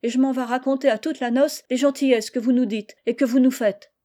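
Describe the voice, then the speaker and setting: Storybook: a frank, spirited village woman, read by a woman, blunt country speech, mellow tone. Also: high-pitched, fairly even intonation, brisk, pitched above the performer's own voice, natural voice. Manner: blunt, outspoken country talk. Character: frank, spirited peasant bride at a village wedding.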